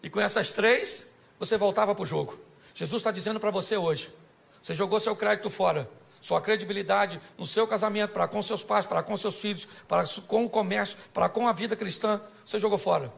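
A man's voice: high-pitched, fairly quick, gravelly, a bit bright. A man preaching an extroverted, joking sermon to a church congregation. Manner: extroverted, joking, acts out voices. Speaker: pastor. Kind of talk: humorous sermon.

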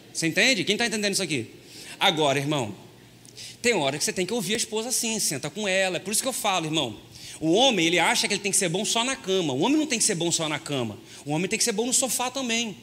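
A man preaching a lively, joking sermon as pastor, folksy and constantly addressing his listeners as brother. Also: sits high, slight background noise. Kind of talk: lively sermon with humorous stories. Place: church hall. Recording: long hall reverb.

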